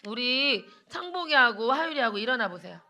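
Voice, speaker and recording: A young woman preaching a children's sermon in church, animated, asking the kids questions and acting out little quotes. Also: a little high, a little fast.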